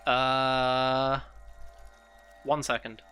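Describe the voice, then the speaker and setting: A man running a tabletop game as game master, talking casually with many pauses and restarts. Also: medium pitch, monotone, pushed and bright. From United Kingdom. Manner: halting, full of fillers and restarts. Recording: faint ambient music behind.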